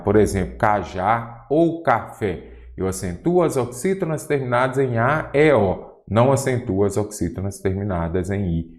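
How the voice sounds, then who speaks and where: A man's voice: low voice, darkish tone. A Brazilian man teaching an exam-prep grammar lesson, posing rhetorical questions and answering them himself. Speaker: Portuguese teacher.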